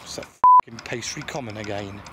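A man's voice: fairly low pitch, huge pitch swings, moderate pace. A man filming his fishing friend at a lake, joking and swearing in casual banter. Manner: joking, teasing, swears freely. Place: lakeside outdoors. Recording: outdoor ambience and water noise.

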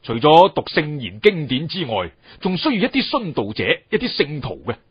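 A man with a Cantonese accent and husky voice tells history as a pingshu storyteller, expressively, drawing out key phrases and adding colloquial asides. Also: a little high, very animated, normal speed, no room sound, muffled recording.

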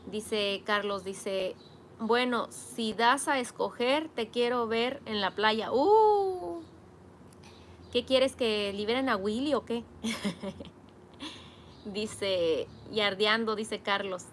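A woman's voice: medium pitch, takes it slowly, a bit bright, a little hiss or hum. A woman hosting a casual live stream, reading viewers' comments aloud and teasing them playfully. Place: home garden workspace.

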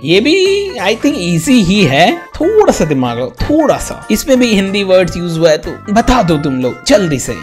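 A man's voice: high voice, big pitch swings, moderate pace, hardly any pauses, music in the background. A man hosting a casual riddle quiz, chatty and coaxing, talking straight to his viewers like friends. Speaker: YouTube quiz host.

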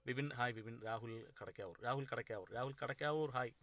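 A man chats casually on a fan live stream, greeting viewers by name one after another. His voice is bright and gravelly. It comes through dull, lo-fi phone audio. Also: medium pitch, fairly quick, dry recording. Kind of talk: casual live chat reading comments.

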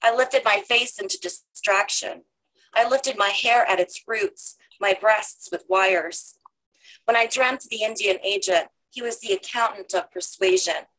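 A middle-aged woman reading her own poetry aloud in a measured, deliberate way, speaking over a video call from a room at home. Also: medium pitch, a bit bright, poor audio. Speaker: poet reading her work.

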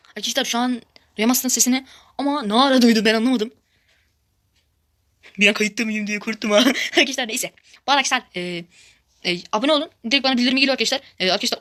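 High, bright, fast-talking woman gamer. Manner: excitable, repeatedly addresses viewers as friends; shrieks loudly when frustrated. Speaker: gaming YouTuber. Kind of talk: casual gameplay commentary.

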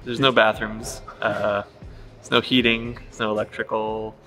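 Man, dry deadpan humor, echoey warehouse room, music under. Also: on the low side, unhurried. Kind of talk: casual chat. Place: large empty factory hall. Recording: echoey empty hall.

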